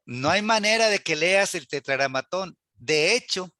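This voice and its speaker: A man teaches a church Bible class in a high, bright voice. He asks rhetorical questions and quotes scripture aloud with earnest emphasis. The sound is dry and close. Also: lively intonation, unhurried, no room sound.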